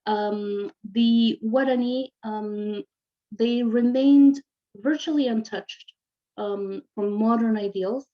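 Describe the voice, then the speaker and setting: A woman's voice: on the high side, fairly even intonation, slow. Chatty woman teacher in her forties, native Spanish speaker from Argentina, slightly muffled lo-fi recording. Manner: chatty, loose, many fillers and asides. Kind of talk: casual recorded class presentation.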